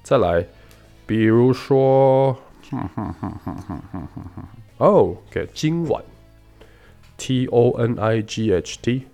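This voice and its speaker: A man teaching English pronunciation in a lesson, explaining patiently and demonstrating words slowly. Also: medium pitch, very animated, a little mellow, faint music behind. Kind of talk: radio-style English lesson.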